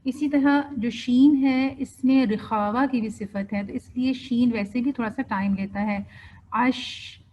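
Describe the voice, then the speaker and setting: A woman teacher with a slightly high voice gives an online lesson, patiently stretching out example words. The recording is dull and lo-fi, with a faint hiss underneath. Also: steady tone, hardly any pauses, warm tone. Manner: mixes English terms into explanations. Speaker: Quran recitation teacher. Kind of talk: online class lecture.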